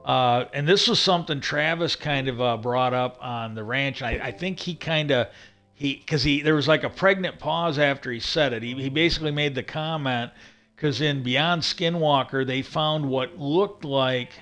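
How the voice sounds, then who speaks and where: A man's voice: mid-range voice, normal speed, fairly bright tone. A man hosting a livestream, talking casually and rambling about a topic with many restarts and asides while he plays. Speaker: livestream host.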